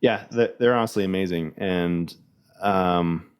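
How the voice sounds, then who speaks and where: A man's voice: sits low, a little slow, clean tone. A man speaking as a podcast guest in a loose, rambling way, restarting his sentences and leaning on fillers. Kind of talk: casual podcast chat.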